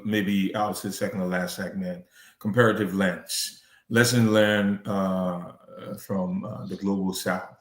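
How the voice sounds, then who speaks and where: A man hosting a discussion podcast, framing his questions haltingly, with many pauses and restarts. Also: deep voice. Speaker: podcast host. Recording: echoey room.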